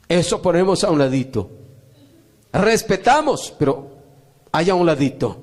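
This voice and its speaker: Man, pastor, high voice, emphatic repetitive sermon. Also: darkish tone. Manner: emphatic, repetitive preaching with rising calls of amen.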